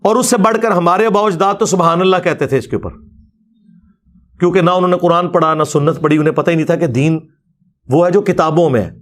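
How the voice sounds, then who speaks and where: A man giving a measured, sarcastic rebuttal. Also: fairly high pitch.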